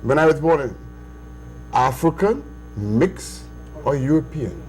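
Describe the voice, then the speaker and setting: A Bahamian man in his sixties, an interview guest, speaking emphatically, with restarts and sudden rises in pitch. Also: lively intonation, slow, darkish tone, slight background noise, low-quality recording. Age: 60s. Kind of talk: conversational interview.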